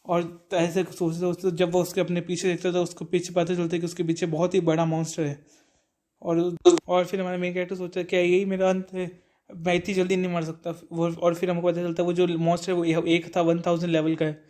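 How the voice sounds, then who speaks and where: A man's voice: high-pitched, completely flat delivery, a little fast, a little mellow. A young man casually retelling an anime episode, rambling and quoting the characters' lines as he goes. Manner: rambling, retells dialogue in quotes. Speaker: anime recap narrator. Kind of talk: casual spoken anime recap.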